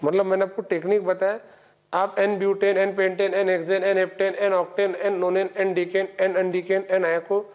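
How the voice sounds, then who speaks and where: A man's voice: high-pitched, little pitch movement, brisk, a little mellow. A middle-aged man teaching chemistry in a coaching classroom, lecturing and quizzing students with constant checks. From India.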